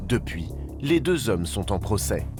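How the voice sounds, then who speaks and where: A man reading scripted narration for a report in a steady, measured way. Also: on the low side, over music. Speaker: documentary narrator.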